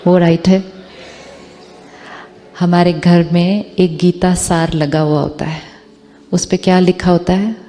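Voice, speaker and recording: Calm-paced woman giving a spiritual talk. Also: lowish voice, big-room sound. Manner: mixes Hindi and English, slows on English phrases, asks rhetorical questions. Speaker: spiritual teacher.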